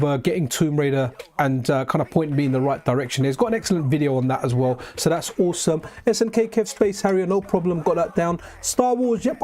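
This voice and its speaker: A man hosting a live retro gaming stream, chatting excitedly with frequent restarts and asides to his viewers. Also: a little high.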